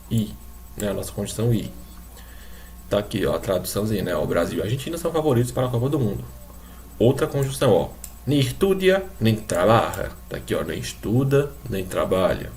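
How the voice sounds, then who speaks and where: A man's voice: on the low side, lively intonation, brisk, darkish tone. Brazilian guy teaching an online class, patient, keeps checking in with students, faint noise behind. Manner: explains patiently, repeats examples, checks in with students. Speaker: Spanish teacher. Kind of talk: recorded online class lecture.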